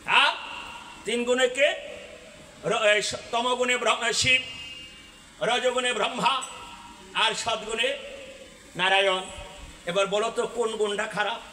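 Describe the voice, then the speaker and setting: A man, a folk religious storyteller who explains, quizzes his audience and bursts into shouts. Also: very high voice, steady tone, slow pace, long pauses. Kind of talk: devotional folk drama preaching. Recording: echoey venue sound.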